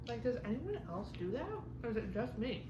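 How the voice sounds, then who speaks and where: A woman vlog host rambles casually to camera over lunch in a slightly high, very animated voice that runs a little fast. She uses frequent filler words and mild swearing, and the echoey room has clear background noise.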